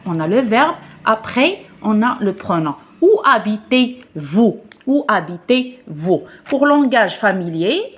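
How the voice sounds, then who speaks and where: A Moroccan woman, a native Arabic speaker with a Moroccan accent, teaches a French lesson at an unhurried pace. Her pitch sits in the middle range for a woman. She walks through each example slowly and repeats it, checking often that her students are following. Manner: patient, repeats examples and asks "d'accord?" often.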